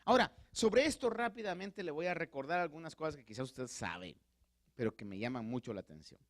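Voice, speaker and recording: Pastor, male, fairly high-pitched, preaching with loud emphatic climaxes. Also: expressive, brisk. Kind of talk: sermon. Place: church.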